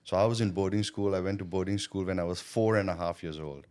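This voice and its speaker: Quick-paced and low-pitched with a slightly mellow sound, a sales coach and business owner answers interview questions about his business and childhood. He was born in Thailand and schooled in India, and he speaks earnestly and reflectively, frequently saying "right?" and "you know".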